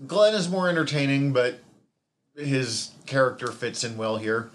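A man's voice: medium pitch, expressive, a little slow. A man co-hosting a podcast in casual chat, rambling and swearing freely. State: hiccups from eating. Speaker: podcast co-host.

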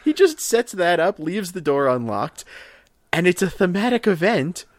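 A man's voice: sits high, very animated, moderate pace, no echo, studio quality. Enthusiastic man in podcast chat. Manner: enthusiastic, analytical, with frequent restarts. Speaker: podcast co-host. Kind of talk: casual chat reviewing a cartoon.

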